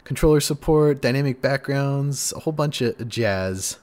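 A man's voice: medium pitch, animated, normal speed, darkish tone. A man hosting a casual gaming podcast, chatty and upbeat, reading out segments and riffing with his co-host. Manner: upbeat, chatty, sings little jingles.

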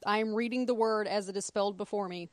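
A woman's voice: mid-range voice, fairly even intonation, fast talker, no echo. A woman with a Southern US accent co-hosting a casual podcast, reading listener notes aloud with wry, profane asides. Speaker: podcast host.

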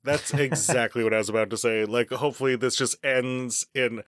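A podcast co-host with a mid-range, fairly bright voice chats casually, speaking a little fast with fairly even intonation, joking and laughing often. The sound is clean studio audio with no room sound.

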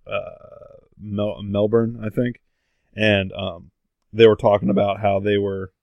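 A man's voice: fairly low pitch, little pitch movement, unhurried, gravelly, no room sound, lo-fi sound. A man chatting casually, telling a story in a rambling way with many fillers. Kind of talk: casual chat.

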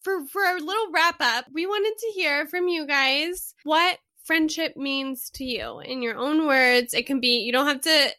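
Female podcast host, high and bright, casual, close dry sound. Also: unhurried, few pauses, no echo. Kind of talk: casual chat.

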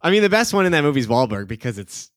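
A man hosting a podcast talks in casual chat, opinionated and full of fillers. His pitch swings widely as he speaks, so the delivery sounds lively. The recording is dry and close. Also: racing, no room sound. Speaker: podcast host.

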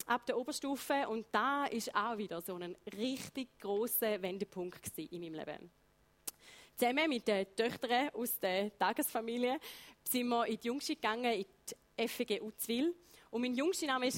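Swiss German woman telling her faith story. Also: fairly high pitch. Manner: chatty, storytelling, casual colloquial phrasing. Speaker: speaker giving a testimony sermon. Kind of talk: personal testimony sermon.

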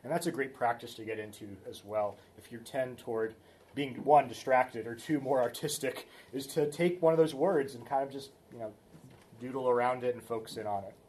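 Male Bible study teacher, easygoing talk, mid-pitched voice, stops and restarts often. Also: fairly even intonation, fairly quick, darkish tone. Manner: conversational, loose, with many fillers and restarts.

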